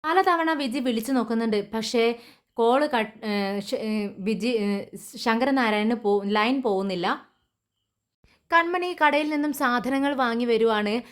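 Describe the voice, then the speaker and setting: Female recap narrator; conversational, slightly high-pitched. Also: a little slow, long pauses. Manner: conversational, with frequent restarts and fillers. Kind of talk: voice-over retelling a TV serial.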